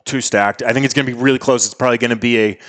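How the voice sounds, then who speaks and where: A man's voice: medium pitch, steady tone, very fast, a bit bright. A man co-hosting a casual sports chat in a matter-of-fact, informal way. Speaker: podcast co-host.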